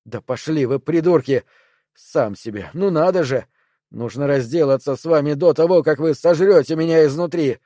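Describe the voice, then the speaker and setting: A man's voice: fairly high pitch, moderate pace, warm tone, dry recording, studio quality, lightly acted. A man doing an enraged, paranoid infected man. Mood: raging. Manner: raised, angry, ranting.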